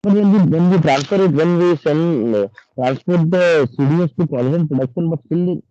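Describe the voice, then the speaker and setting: A man asking a hesitant question in an online class, his voice robotic and low sample rate over a video call. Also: moderate pace, no echo. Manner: hesitant, repeats himself while asking. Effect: robotic, low sample rate call audio. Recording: lo-fi call line with loud noise.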